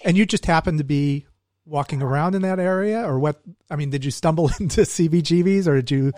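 A man's voice: fairly high pitch, brisk, a little mellow, no echo. Rambling man asking hesitant questions. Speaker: podcast host. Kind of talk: casual interview.

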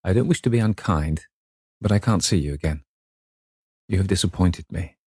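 A man voicing a cold, disdainful young gentleman who speaks bitterly and quietly, in an audiobook. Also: low voice, slow pace, husky, no echo, clean studio sound, exaggerated voice.

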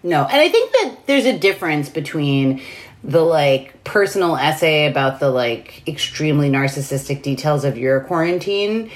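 A woman from New York City talks loosely and animatedly, leaning on "like" as she goes. Her pitch sits a little low but swings widely up and down. She sounds like a host in easy conversation. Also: moderate pace. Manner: animated, many "like" fillers, big pitch swings. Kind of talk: casual conversation.

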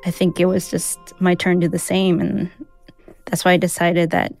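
Her voice sits on the low side, slightly mellow, steady in tone and moderate in pace, with a little music faintly audible. A Mandarin-speaking-born American woman from the United States, she shares a personal story informally, dropping in plenty of "like" and "you know."

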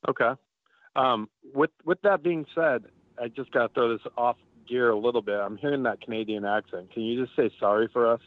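A man's voice: medium pitch, fairly quick, no echo. A male podcast host asking questions in a casual, joking way. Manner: asks questions, playful, joking. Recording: dry phone-like audio.

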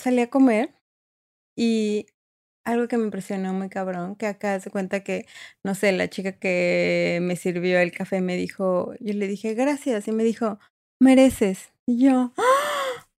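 A woman's voice: mid-range voice, steady tone, moderate pace, a little mellow, clean tone. A Mexican woman in her thirties, co-hosting a podcast in casual, slangy chat and laughing often. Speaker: podcast co-host.

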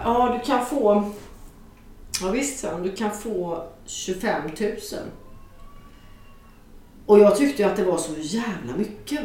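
A middle-aged woman spins a story for listeners, frank and lively, with casual swearing and acted-out dialogue. Her voice sits at an ordinary pitch. It rings through a very echoey space, picked up from some distance away. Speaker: author telling an anecdote. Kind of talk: spoken storytelling to an audience.

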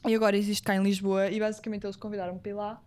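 A woman's voice: medium pitch, little pitch movement, rapid-fire, a little mellow. A young woman with a European Portuguese accent, chatting casually as a podcast co-host in informal, slangy language. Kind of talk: casual chat.

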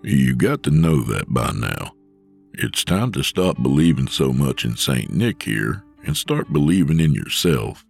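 A huge, gruff vigilante Santa who speaks slowly and steadily, as a man plays him. His voice sits very low and gravelly, with a husky edge. Faint music plays underneath. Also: very animated, full character voice. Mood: earnest. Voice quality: deep gravelly voice. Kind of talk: audio drama.

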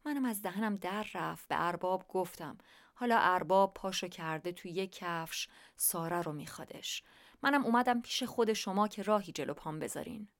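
A woman voicing an awkward male messenger who speaks in an apologetic, hushed way. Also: lowish voice, lightly acted. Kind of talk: storybook reading.

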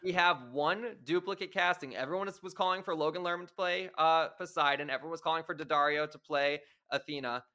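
Bright-voiced man hosting a podcast. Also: on the high side, a little fast, hardly any pauses. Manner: enthusiastic, analytical. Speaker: podcast host. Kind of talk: casual chat.

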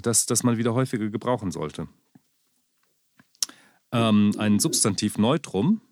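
Low-voiced man rambling. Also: animated, a little mellow, a little hiss or hum. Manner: rambling, halting, many restarts and fillers. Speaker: podcast co-host. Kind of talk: casual chat. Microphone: studio microphone.

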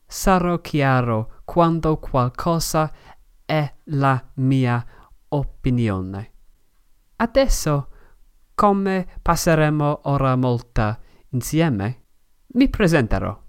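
A man from Manchester, a native English speaker with an English accent in Italian, narrating a scripted podcast as host in halting learner's phrasing. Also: mid-range voice, smooth. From Manchester, England.

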